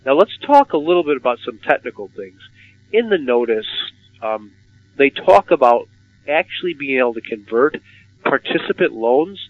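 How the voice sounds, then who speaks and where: A radio host with a medium-pitched voice leads a finance discussion, posing questions and often repeating words as he gets started. The sound is dry, dull and lo-fi.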